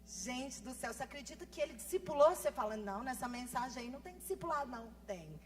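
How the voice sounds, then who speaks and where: High-voiced fast-talking woman pastor preaching. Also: soft background music. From Brazil. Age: 30s. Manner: fast-talking, animated, swings from soft asides to loud emphasis. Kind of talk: sermon. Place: church.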